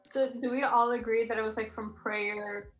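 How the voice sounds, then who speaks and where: A young woman leading a casual group study chat, blunt and quick to swear, often baffled by the reading. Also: fairly high pitch, fairly even intonation, lo-fi sound, soft background music. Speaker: student leading a group discussion.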